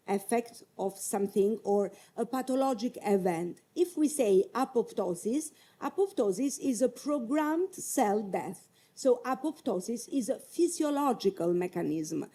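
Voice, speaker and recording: Slow, halting woman lecturer. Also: on the high side, warm tone. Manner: slow, halting, restarts words. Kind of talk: medical lecture.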